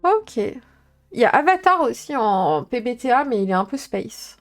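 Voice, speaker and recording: A woman's voice: on the high side, very animated, moderate pace, soft background music. A woman chatting casually on a live stream, thinking aloud with many fillers as she talks through tabletop games.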